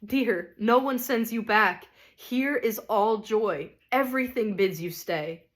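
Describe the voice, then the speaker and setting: A woman voicing a gentle, radiant heavenly woman who pleads tenderly and urgently. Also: on the high side, takes it slowly, voice pushed up.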